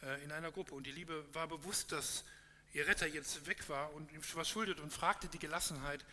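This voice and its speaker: A man's voice: fairly high pitch, steady tone, normal speed, pushed and bright. A man giving an earnest, encouraging sermon close and reading a parable aloud, with some hesitations. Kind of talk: sermon closing with a read parable. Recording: echoey hall with faint hum.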